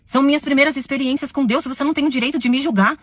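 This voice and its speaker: A woman talks quickly in a fairly high voice, giving an emotional religious testimony straight to her followers. She sounds defensive and insistent, and her voice swings between hushed, pleading stretches and raised outbursts. The sound is dry and close, with no room echo. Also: fairly even intonation. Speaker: self-described servant of God recounting a spiritual experience.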